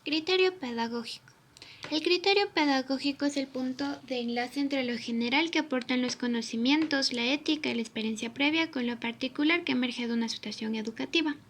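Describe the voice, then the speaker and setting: High-voiced young woman reading a lesson. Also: fairly quick, fairly bright tone, slight background noise. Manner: reads steadily from a script, spelling out examples. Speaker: student presenter. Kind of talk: read-aloud tutorial narration.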